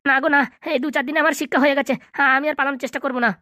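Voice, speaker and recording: A woman's voice: high-pitched, level tone, racing, pushed and bright, dry recording, clean studio sound. A woman voicing a humbled young male captive in a cartoon comedy dub, begging and eager to please. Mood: pleading.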